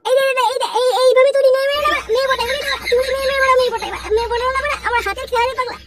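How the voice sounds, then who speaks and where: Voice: very high voice, steady tone, racing, heavy background noise. A performer voicing a cocky, foul-mouthed teenage boy who brags and coaxes his friend in a cartoon comedy. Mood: boastful. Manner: crude swearing, boastful, coaxing.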